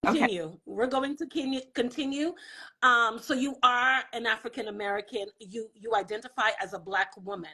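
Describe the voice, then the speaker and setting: A woman's voice: fairly high pitch, moderate pace, sharp tone, slightly rough. A woman from the Bahamas hosting a live interview over a video call, speaking in an affirming, encouraging way. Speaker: host.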